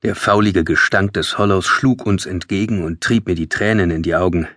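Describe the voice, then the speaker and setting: Male narrator, low husky voice, dry close studio sound, tense measured delivery. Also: steady tone, a bit bright, dry recording. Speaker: audiobook narrator. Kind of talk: scripted first-person audiobook narration. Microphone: close studio mic.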